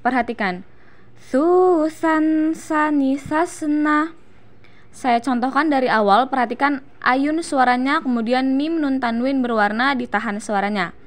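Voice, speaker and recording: A young Indonesian woman explaining Quran recitation letter by letter and sounding out syllables slowly and drawn out as examples. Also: fairly high pitch. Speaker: student presenting a Quran recitation lesson. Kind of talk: instructional explanation with slow demonstrations.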